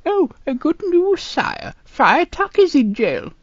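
A woman's voice: high voice, sing-song, takes it slowly, no echo, muffled recording, full character voice. A woman doing a cartoon impression of a fussy, fawning male snake advisor with a hissing, sibilant, pompous delivery. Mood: conspiratorial.

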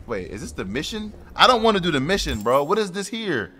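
Excitable man doing lively game commentary. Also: fairly high pitch, a little fast. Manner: excitable, joking, swears a lot, slangy; talks to game characters as he plays. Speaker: gaming video creator. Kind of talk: casual gameplay commentary.

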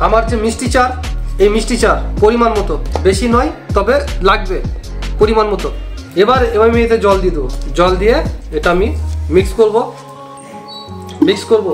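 A young man with a West Bengal Bengali accent, host of a fishing channel, explaining a bait recipe step by step in an earnest, repetitive way. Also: high voice. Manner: repetitive, earnest instructional talk. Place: small indoor room. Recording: echoey room with background music.

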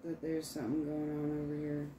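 A woman's voice: sits low, completely flat delivery, brisk, dark tone. A woman in her forties chatting casually as co-host of a paranormal video. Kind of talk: casual chat. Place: living room at home, indoors. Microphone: camera a few feet away. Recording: roomy echo with faint noise.

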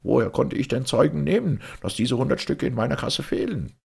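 A man voicing a frightened, lying merchant in an audiobook tale, pleading in a high wail. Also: animated, a little fast, gravelly, a little mellow, husky, heavily acted. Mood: whining. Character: whining frightened male merchant, cringing liar.

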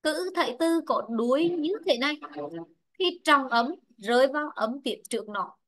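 A woman teaching English online, explaining word-stress rules slowly and repeating herself with many fillers. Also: sits high, fairly bright tone. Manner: repetitive, drawn-out explaining with frequent fillers. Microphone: online lesson mic.

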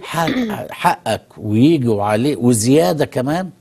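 An Egyptian man with an Egyptian Arabic accent, a talk show guest calmly explaining through stories. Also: mid-range voice, a little slow, vocal fry, slight background noise. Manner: storytelling, calm and explanatory. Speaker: guest expert on immigration. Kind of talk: studio talk show conversation.

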